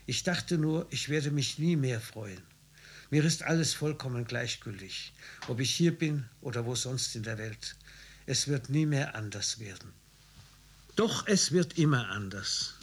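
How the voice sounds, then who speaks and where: A man narrating a first-person memoir as an audiobook, in a husky, measured, reflective voice. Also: medium pitch.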